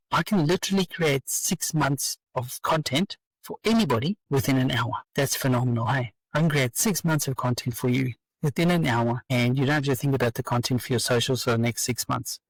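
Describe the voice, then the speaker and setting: A man talks as a guest in a casual interview, explaining ideas with eager conviction. His voice has a gravelly fry, recorded dry and close to the mic. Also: medium pitch, a little fast, few pauses, dry recording, rough recording. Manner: enthusiastic, explanatory, persuasive. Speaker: business coach guest.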